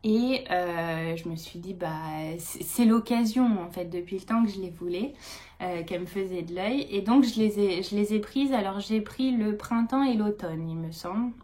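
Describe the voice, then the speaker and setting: Mellow-voiced woman chatting casually. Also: mid-range voice, moderate pace. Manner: chatty, rambling, many hesitations. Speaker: knitting vlogger. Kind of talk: casual chat.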